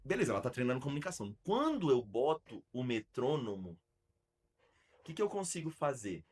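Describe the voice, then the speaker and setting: An animated Brazilian man hosts a casual podcast chat in a studio. He talks at a mid pitch for a man, stresses his points hard and often stumbles and restarts mid-sentence. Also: brisk, husky. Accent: Brazilian Portuguese. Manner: animated, emphatic storyteller with frequent restarts. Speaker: podcast host and arts school founder.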